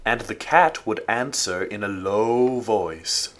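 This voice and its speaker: A man narrating a folk tale in a steady, expressive storytelling manner. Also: fairly low pitch, takes it slowly.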